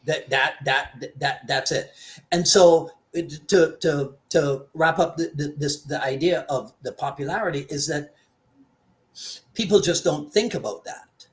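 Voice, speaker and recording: A Caribbean man with a fairly high voice speaks a little slowly. He teaches martial arts, comes from Trinidad and grew up in Barbados, and in this casual discussion he's thoughtful, restarts frequently, and emphasizes key points.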